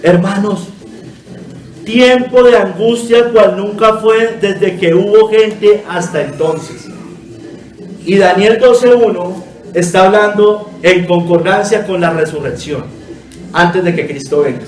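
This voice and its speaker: A man's voice: high-pitched, takes it slowly. A male pastor preaching a sermon with earnest exhortation, calling his listeners brother again and again. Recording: echoey room, voice from a distance.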